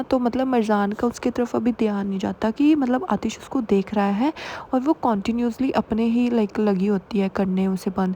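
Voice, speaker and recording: A woman's voice: on the high side, dark tone, a little hiss or hum. A woman casually retelling a drama episode as host, chatty and full of fillers. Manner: chatty, many fillers, reads quoted lines lightly. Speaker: drama recap narrator. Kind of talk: casual drama recap narration.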